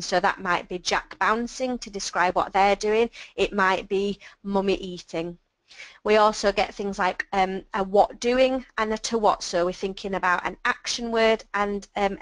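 A woman's voice: medium pitch, dry recording, low-quality recording. Woman, webinar presenter, patient explaining, dry close sound. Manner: clear, patient explaining with examples. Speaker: speech and language presenter.

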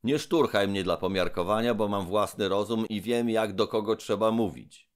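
A man voicing a brash, irritable male robot constructor in an audiobook, loud and scolding. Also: fairly low pitch, normal speed, pitched above the performer's own voice, lightly acted. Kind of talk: audiobook character voice.

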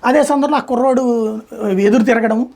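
A woman's voice: on the high side, warm tone. A woman speaking as a political analyst guest in a debate, arguing with examples and proverbs. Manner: fast, argumentative, explains with examples and proverbs.

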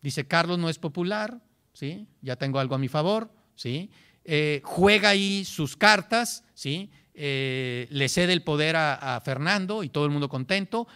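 Animated man lecturing on history. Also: fairly high pitch, clear, resonant tone. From Mexico. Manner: animated, frequent "¿sí?" check-ins, acts out historical voices; repeats words while searching, restarts. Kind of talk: classroom lecture.

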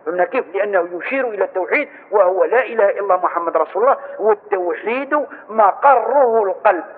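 A man with an Algerian accent teaches a religious lesson in a quick, high-pitched voice. He demonstrates as he explains and keeps checking that his listeners follow. The recording is thin and tinny, with a long echo from a large hall. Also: expressive.

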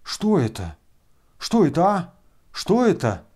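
A man voicing a brash, abusive freeloader who shouts and hurls insults. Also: mid-range voice, normal speed, lightly acted. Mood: outraged.

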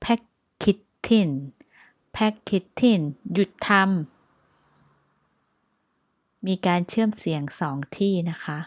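A woman with a Thai accent teaching English phrases, explaining in Thai and repeating each example slowly and carefully. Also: mid-range voice, dark tone, no echo. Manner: reads example sentences very slowly and clearly, twice.

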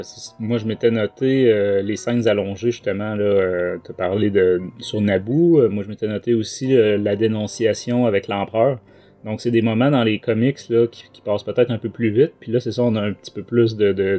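A podcast host with a Quebec French accent leads a casual review discussion, explaining things in colloquial language. His voice is lowish and warm, his pace moderate, and music plays under him.

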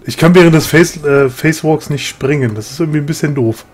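A man's voice: a little high, fast, slight background noise. Joking male gamer hosting co-op commentary. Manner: relaxed, joking banter with co-players. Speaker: let's play host. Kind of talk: casual gameplay commentary.

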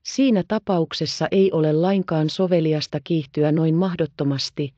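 A woman reading the part of a calm older colonel who gives brisk orders. The audio is slightly dull. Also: deep voice, no room sound, lightly acted. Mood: calm, commanding.

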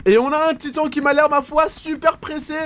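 A man reacting to videos as a YouTuber, giving excited commentary full of exclamations and gasps. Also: very high voice, fairly quick, a little hiss or hum.

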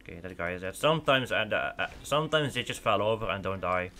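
Playing a shooter, a young Dutchman who runs a gaming channel chatters in his second language, English, with plenty of fillers and false starts. His lowish voice is expressive, sharp, and quick, with slight background noise in this casual let's-play commentary.

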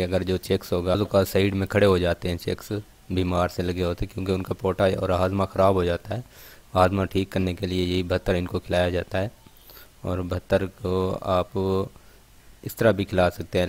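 Low, flat-voiced man explaining bird care. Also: moderate pace. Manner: steady explanatory, repeatedly pointing things out to viewers. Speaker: bird keeper showing partridge care. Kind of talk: instructional demonstration vlog.

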